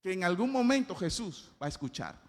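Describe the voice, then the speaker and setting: High-voiced pastor preaching in a reverberant hall. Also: male voice, big pitch swings, brisk. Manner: impassioned preaching that swings from loud shouted cries to low quiet passages. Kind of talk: sermon.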